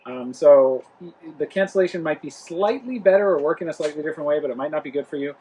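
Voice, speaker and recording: A fast-talking young man from Rhode Island has a fairly high, expressive, mellow, slightly rough voice, captured in a low-quality recording. As a travel vlog host, he chats through a casual home product review vlog with lots of fillers and restarts, at home in the living room near the kitchen.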